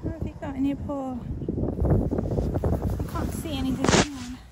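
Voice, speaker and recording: Woman, high-pitched voice, casual dog-walker talk, coaxing and questioning, recorded outdoors over heavy street noise. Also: fairly even intonation, normal speed. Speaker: dog owner filming a walk. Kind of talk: casual chat to a pet dog. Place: outdoors on a suburban street and grass verge. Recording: noisy outdoor street with passing vehicles.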